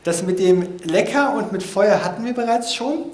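Here a male language learner explains foreign vocabulary informally at a moderate pace, his high voice expressive and slightly mellow, with lots of hesitation as he thinks things through. Echo from the room is audible.

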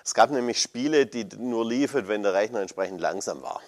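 Deep-voiced man chatting about old computers. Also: lively intonation, brisk, a little mellow. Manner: rambling, hesitant, many fillers. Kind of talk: casual retro computing chat.

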